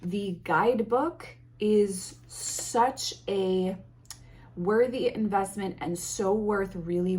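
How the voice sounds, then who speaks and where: A woman who makes tarot videos talks to her viewers from home in a casual, gushing way, a bit sniffly because of allergies. She has a mid-range, slightly mellow voice.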